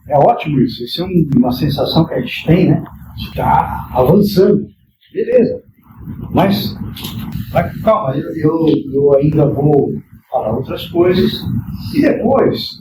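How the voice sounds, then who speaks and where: Guy teaching greek in class, chill and reassuring, lots of "tá?" tags, far from the mic in a roomy hall. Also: a little high. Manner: patient, reassuring, with many fillers and tag questions. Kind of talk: classroom lecture. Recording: echoey classroom recorded from far off, loud noise.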